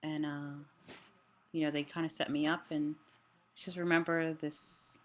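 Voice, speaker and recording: A woman giving a casual personal update in a halting way, her voice limited in range and altered by a sore, swollen throat after surgery. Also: sits low, flat delivery. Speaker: vlogger sharing a health update. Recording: clearly noisy room ambience.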